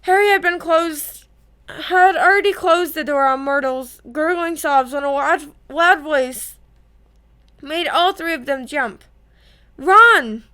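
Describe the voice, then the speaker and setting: A woman with a high, bright voice reads a novel aloud for her channel. She keeps it casual, tripping over words and fixing them as she goes. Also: measured pace. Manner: casual, frequent slips and self-corrections. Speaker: reader.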